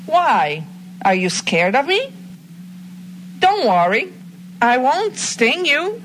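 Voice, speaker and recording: A woman's voice: high voice, sing-song, slow pace, fairly bright tone, slight background noise, exaggerated voice. A woman playing a lovesick, menacing female hornet in a scripted drama, taunting like a foiled villain. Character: female murder hornet, reincarnated obsessive jilted lover, menacing.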